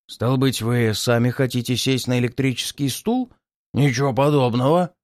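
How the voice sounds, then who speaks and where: A man reading aloud and voicing a stern middle-aged police inspector who speaks in brisk, pointed questions. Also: medium pitch, dry recording, studio quality, natural voice. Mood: indignant.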